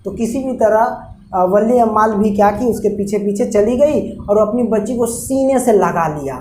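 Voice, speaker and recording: A woman's voice: mid-range voice, moderate pace, dark tone. A woman teacher retelling a textbook story for her class in a chatty way, repeating points, asking herself questions and acting out the characters' lines. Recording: echoey room with faint ambient noise.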